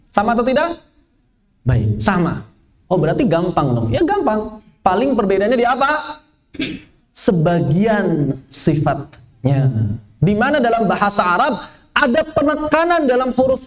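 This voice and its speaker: A man teaching a lively spoken lesson, asking and answering his own questions. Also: high-pitched. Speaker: Quran recitation teacher. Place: event hall, live workshop.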